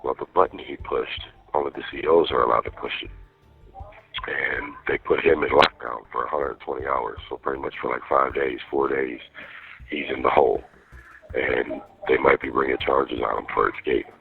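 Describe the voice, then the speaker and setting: Very deep gravelly man on a prison phone. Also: steady tone, normal speed, faint music behind. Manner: streetwise, profane, slangy storytelling. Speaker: jail inmate calling partner. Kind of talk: casual private phone chat from jail. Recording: muffled lo-fi prison phone call.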